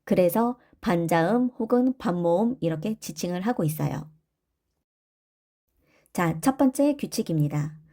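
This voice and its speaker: A woman's voice: on the low side, animated, measured pace, long pauses, dark tone. A woman teaching a pronunciation lesson, explaining rules and leading repeat-after-me drills of single sounds. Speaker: language teacher.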